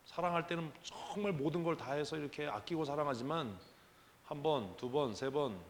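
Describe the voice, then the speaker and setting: A man's voice: fairly high pitch, moderate pace, long reverb tail, slight background noise. A man preaching as pastor at a church prayer meeting, talking conversationally and emphatically with many rhetorical questions. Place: church sanctuary.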